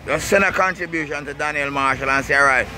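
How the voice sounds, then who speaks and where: A man's voice: a little high, quick pace, pushed and bright. A man with a Jamaican accent and Rasta speech gives a casual, rambling walking-tour commentary, repeating short tags as he goes. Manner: rambling and repetitive, with tags like 'see', 'you know', 'blessed love'. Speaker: vlogger. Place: outdoors in a city park beside busy streets. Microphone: handheld camera while walking. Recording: noisy outdoor camera audio with traffic ambience.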